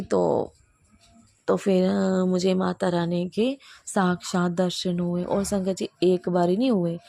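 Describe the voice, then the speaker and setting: Gravelly soft-spoken woman sharing devotion. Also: on the low side, no room sound. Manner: soft, hesitant, many fillers. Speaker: devotional channel host. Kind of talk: personal spiritual testimony.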